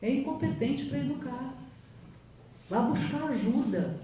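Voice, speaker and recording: A woman's voice: high-pitched, lively intonation, a little slow, warm tone. Brazilian woman lecturing in an echoey hall. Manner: earnest and emphatic, asks rhetorical questions. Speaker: lecturer at a spiritist center; psychologist. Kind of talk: spiritual lecture to an audience. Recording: echoey hall, distant mic, faint noise.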